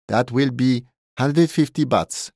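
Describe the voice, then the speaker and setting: A man voicing a pushy, grinning male Thai bartender with a Thai accent who speaks broken English loudly and jollily. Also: on the high side, big pitch swings, slow, no room sound, clean studio sound, pitched above the performer's own voice, exaggerated voice. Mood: jolly. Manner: broken English, loud and jolly.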